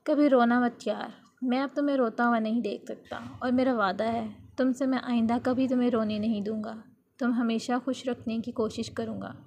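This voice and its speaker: Lady reading out a sweet earnest young husband, pleading and tender, a bit high. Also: steady tone, a little mellow.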